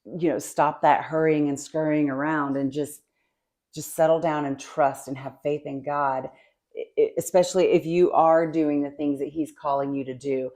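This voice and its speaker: Low-voiced lady on a faith podcast, soft and reflective, lots of ums and you knows. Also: fairly even intonation, normal speed. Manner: soft-spoken and reflective, with many fillers. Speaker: co-host.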